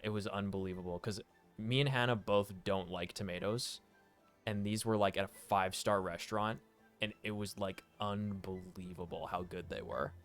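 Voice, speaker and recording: A man's voice: low-pitched, moderate pace, a bit bright. A man streaming a video game with casual, slangy, laid-back commentary. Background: game music.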